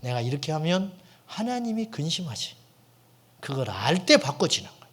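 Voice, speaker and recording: A middle-aged man, a senior pastor, preaching a sermon in a church with dramatic storytelling that swings between loud and hushed. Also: fairly high pitch, sing-song, moderate pace. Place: church sanctuary.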